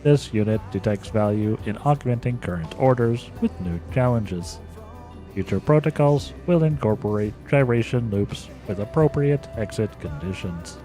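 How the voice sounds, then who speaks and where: A man's voice: fairly low pitch, lively intonation, moderate pace, dark tone, soft background music, lightly acted. A man doing a robot voice for a formal robot unit, reading its lines in clipped machine phrasing. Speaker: gamer reading in-game robot lines aloud. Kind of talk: playful voicing of game dialogue.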